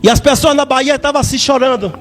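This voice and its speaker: A man giving a fervent church testimony in a sing-song preaching manner, repeating words and rising to shouts. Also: very high-pitched, fast talker, faint music behind.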